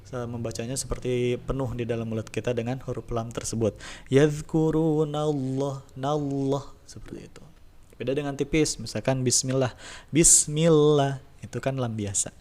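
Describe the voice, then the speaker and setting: A man teaching a tajwid lesson, in a relaxed explaining voice, slowly drawing out recitation examples. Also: mid-range voice. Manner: slow drawn-out recitation demos between relaxed explanations. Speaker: religion teacher.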